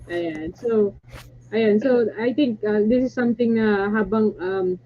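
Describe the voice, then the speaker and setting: A Filipino-accented woman host leads an online chat, pausing and restarting as she frames her questions. Her voice sits a little high, and the call audio is dull with a faint hum underneath. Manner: hesitant, many fillers and restarts. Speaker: host, coach. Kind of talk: casual online interview, Taglish. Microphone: video call.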